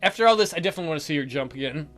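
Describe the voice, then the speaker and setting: A woman with a deep, animated voice hosts a let's play, reading the game's narration aloud in rapid-fire fashion. She adds casual commentary, with music playing in the background.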